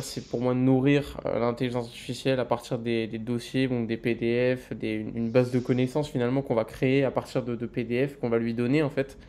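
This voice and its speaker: A man's voice: mid-range voice, dark tone. A man answering a lecturer's question in a webinar, hesitant, with many fillers. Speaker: student.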